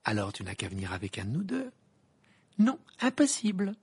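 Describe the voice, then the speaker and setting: A reader doing Ron, a gravelly teasing teen boy. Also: sits low, quick pace, exaggerated voice. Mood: pleading. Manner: bursts into laughter, stammers when excited. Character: teenage boy wizard, sulky and teasing. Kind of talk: amateur audiobook voicing.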